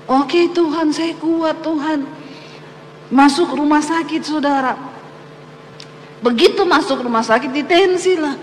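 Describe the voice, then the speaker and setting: High-voiced woman pastor in her 50s. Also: slight background noise. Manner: animated storytelling, acts out dialogue. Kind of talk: sermon with personal testimony. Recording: long hall reverb, faint ambience.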